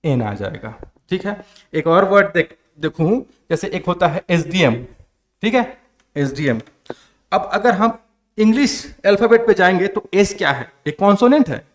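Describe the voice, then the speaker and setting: A man with a slightly high voice and a Chhattisgarh accent, teaching a coaching-class lesson. He keeps asking the class questions and then answers each one himself, in the steady voice of a classroom lecture. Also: normal speed. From India.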